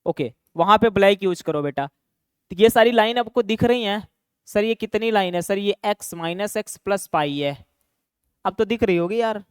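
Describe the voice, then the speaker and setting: A young man teaching an online maths exam-prep lesson, chatty and quick, calling students "beta" and "bhaiya" and answering his own questions. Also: high-pitched, clear, resonant tone, dry recording, studio quality.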